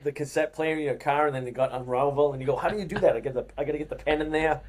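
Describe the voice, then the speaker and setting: Speaking in a slightly high voice at a racing pace, this Boston-accented man in his fifties is a fitness coach chatting as an interview guest. He wanders from one anecdote to the next, frequently chuckling.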